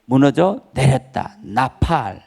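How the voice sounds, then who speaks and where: This man's voice is medium-pitched, gravelly and somewhat dark, slow yet very animated. He is a pastor giving an emphatic Sunday sermon in a church sanctuary, repeating phrases and drawing responses from the congregation.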